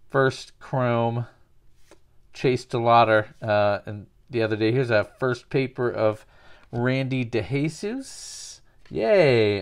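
A man's voice: medium pitch, smooth. A man hosting a casual card-opening show, joking and rambling as he names each card. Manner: jokey, rambling, trades banter with viewers.

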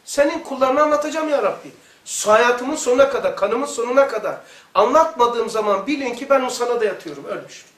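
A man's voice: very high voice, lively intonation, brisk, fairly bright tone. A man giving an informal religious lesson, a colloquial, joking storyteller who laughs at his own tales. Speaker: religious lecturer. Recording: echoey room, mic far off.

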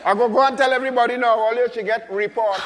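A man's voice: extremely high pitch, fairly even intonation, fast, in a large hall, background noise. A man playing a joking Trinidadian man in a comedy sketch, teasing and mocking in a Trinidadian accent. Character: teasing Trinidadian man meeting his girlfriend. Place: airport car park outdoors.

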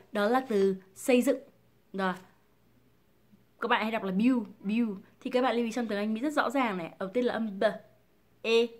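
A woman from Vietnam teaching English pronunciation, explaining patiently and drilling single sounds and words slowly and clearly. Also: fairly high pitch, darkish tone. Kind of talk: pronunciation lesson.

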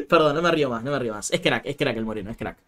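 A man's voice: mid-range voice, expressive, fast, a bit bright. A young man with a Rioplatense Spanish accent, chatting casually about football on a live stream, laughing often and reading out viewer comments.

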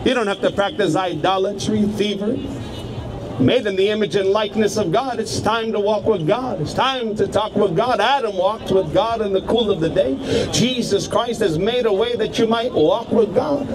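A man's voice: sits high, normal speed. A man preaching outdoors on a city street, urging listeners with repeated calls and hallelujahs. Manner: urgent, repetitive exhortation with hallelujahs. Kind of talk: open-air street preaching. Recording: loud street noise. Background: traffic and street noise.

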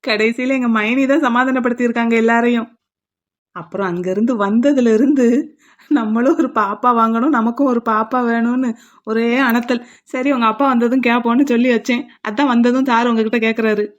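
A woman's voice: fairly high pitch, fairly even intonation, a little fast. Woman talking on a dull lo-fi track. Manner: plain storytelling. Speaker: mother recounting events. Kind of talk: cartoon dialogue.

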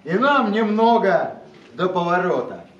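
A man gives a dramatic poetry declamation in a high, very animated voice. He stretches his words and stresses the rhythm emphatically. The recording carries the echo of a room. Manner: emphatic, drawn-out, rhythmic delivery. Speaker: poet reading own verse. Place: gallery room with seated guests at tables. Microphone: handheld camera nearby. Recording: muffled, noisy, echoey room recording.

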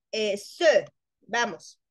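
A French teacher runs a class spelling contest, patiently and encouragingly spelling words out letter by letter. Her medium-pitched voice is slightly rough, and the recording has no echo.

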